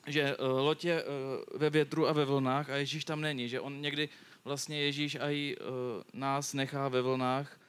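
A man's voice: mid-range voice, flat delivery, hardly any pauses, fairly bright tone, smooth. A young man reading a Bible passage aloud and then reflecting on it informally, with many fillers and self-corrections. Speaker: youth speaker sharing a Bible verse.

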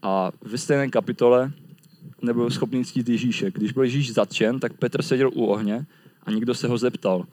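A man's voice: medium pitch, fairly even intonation, a little mellow, no room sound. Man giving a conversational sermon. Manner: reflective, conversational preaching. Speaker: preacher.

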